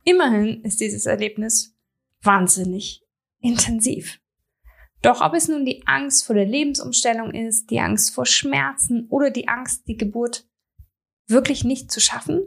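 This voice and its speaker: A woman's voice: fairly high pitch, unhurried, creaky, husky. A woman in her thirties hosting a podcast interview, chatty and addressing her listeners directly. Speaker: podcast host.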